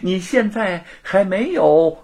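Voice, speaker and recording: A man voicing a gloating, sneering young rich lord who taunts and cackles in a high, shrill voice. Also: wildly swooping pitch, takes it slowly, fairly bright tone, slightly rough, exaggerated voice. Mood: taunting.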